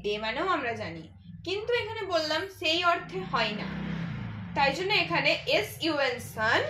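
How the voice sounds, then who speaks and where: Female teacher, high bright voice, patient letter-by-letter spelling, echoey room. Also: a little hiss or hum. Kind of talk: children's English lesson.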